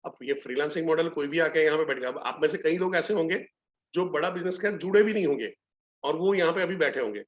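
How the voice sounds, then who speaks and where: Middle-aged male trainer, higher pitched, animated storyteller, muffled lo-fi webinar audio. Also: quick pace. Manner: animated storytelling, acts out both sides of dialogues. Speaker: sales trainer. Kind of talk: live online training session.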